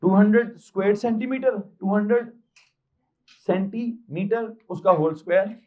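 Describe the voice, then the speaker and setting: A man's voice: sits high, moderate pace, muffled recording. A male physics teacher with a Pakistani Urdu accent, lecturing a class and quizzing the students with repeated questions.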